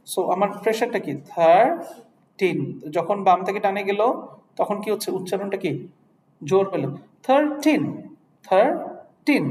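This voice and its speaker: A man with a Bangladeshi accent and a high-pitched, darkish voice teaches an English test class, blending English words into his Bengali and frequently checking that students understand. The lecture is recorded in an echoey room with faint noise.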